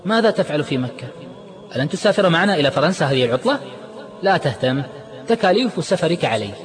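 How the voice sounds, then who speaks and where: A man voicing a brash, hot-tempered young man who shouts indignantly. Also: on the high side, big pitch swings, fast talker, in a large hall, pitched above the performer's own voice. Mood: coaxing.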